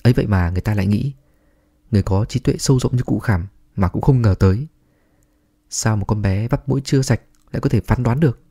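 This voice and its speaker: Husky low-voiced man narrating a ghost tale. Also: fast, warm tone. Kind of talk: scripted horror story narration. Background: faint music.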